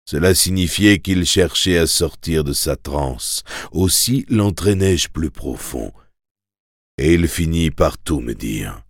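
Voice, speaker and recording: Man with an extremely deep, husky voice. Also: expressive, takes it slowly, no echo, clean studio sound. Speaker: audiobook narrator. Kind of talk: first-person scripted narration.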